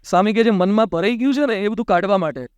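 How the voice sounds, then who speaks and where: A man's voice: sits high, fast, smooth, dry recording. A man, a monk giving a sermon, telling anecdotes in a conversational way and acting out the dialogue. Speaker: monk giving a religious discourse. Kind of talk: storytelling sermon.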